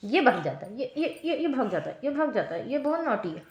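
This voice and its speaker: A woman filming a family vlog at home, gently telling her small child what to do. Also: high-pitched, sing-song, fairly quick. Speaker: family vlogger and mother. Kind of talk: casual home vlog talk. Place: home indoors.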